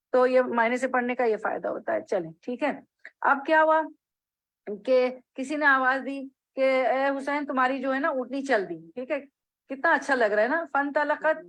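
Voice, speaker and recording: Woman, religious teacher, hadith class, fairly high voice, explains phrase by phrase, checks in with students. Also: a bit bright, low-quality recording. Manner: reads Arabic then explains in Urdu phrase by phrase.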